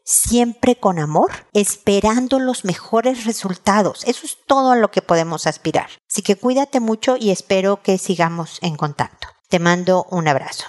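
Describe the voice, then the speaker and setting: Middle-aged Mexican woman, advice-show host, gentle and conversational, mid-pitched voice. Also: lively intonation, moderate pace, hardly any pauses. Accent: Mexican Spanish. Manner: gentle, conversational, talks straight to the listener. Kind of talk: advice podcast monologue.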